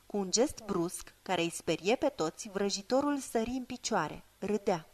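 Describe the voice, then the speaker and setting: A woman's voice: medium pitch, lively intonation, darkish tone. Woman reading a fantasy audiobook. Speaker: audiobook narrator.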